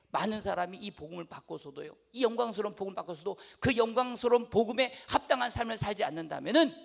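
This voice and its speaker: High, gravelly-voiced preaching man. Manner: emphatic, repeats phrases, asks the congregation "아시겠어요?". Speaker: pastor. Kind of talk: sermon.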